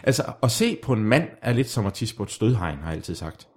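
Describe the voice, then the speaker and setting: A man playing a self-styled sexologist in a comedy chat, deadpan and hesitant, stumbling over repeated words. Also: fairly low pitch. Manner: hesitant, halting with many restarts.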